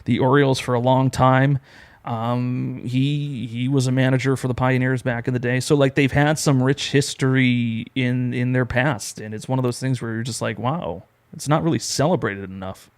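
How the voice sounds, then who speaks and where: A young man from upstate New York co-hosting a podcast, telling rambling, animated stories in casual chat. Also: mid-range voice, normal speed. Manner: animated storyteller, rambling with restarts. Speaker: podcast co-host.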